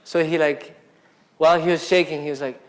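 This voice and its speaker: Man telling a buddhist story to a room, kinda high voice, super casual, lots of fillers. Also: steady tone, fairly quick. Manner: casual and conversational, filler-heavy, acts out quotes. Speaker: speaker at a Buddhist centre. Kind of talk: storytelling dharma talk. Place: indoor Buddhist centre talk.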